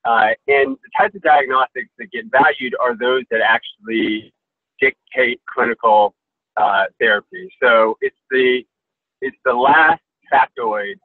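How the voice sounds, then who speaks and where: A man answers on a webinar panel over a video call that keeps breaking up. His tinny, narrow call audio sounds dry and close, with no room around it. He explains in a measured, steady way, full of "uh" and "if you will.". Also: mid-range voice, dry recording. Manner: measured, filler-heavy explaining. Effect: heard over a video call that cuts out. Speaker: investor panelist.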